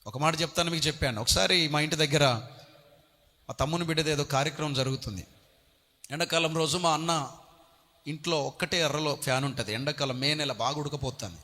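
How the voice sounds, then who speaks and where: Impassioned preacher in a ringing hall. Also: male voice, on the high side, a little fast. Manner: impassioned preaching, swings from quiet to shouting. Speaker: pastor. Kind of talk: sermon.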